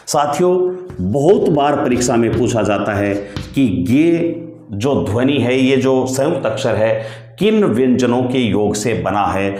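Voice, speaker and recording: Hindi grammar teacher guy from rajasthan, talks real slow, asks questions then answers them, echoey room. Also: medium pitch, darkish tone. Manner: slow, deliberate explanation, drawing out sounds, asking and answering his own questions. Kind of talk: exam-prep lesson.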